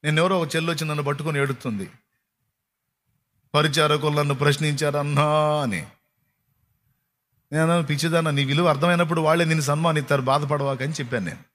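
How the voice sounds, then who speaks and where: High-voiced man preaching emphatically. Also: steady tone, fast, pauses often, a bit bright. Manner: emphatic and repetitive, firing rhetorical questions at the congregation. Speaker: pastor. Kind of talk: sermon.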